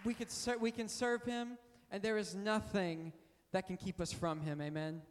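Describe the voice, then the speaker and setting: A man's voice: sits high, steady tone, normal speed, a faint crowd. A young man from Louisiana, a student leading a church service in an earnest, rousing way. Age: young adult. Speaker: student worship leader. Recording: reverberant hall with audience.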